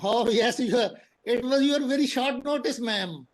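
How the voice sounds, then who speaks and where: A man's voice: very high-pitched, moderate pace. A man in his sixties with a Pakistani English accent, a retired prison officer speaking formally and courteously on a video call. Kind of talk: polite conversation.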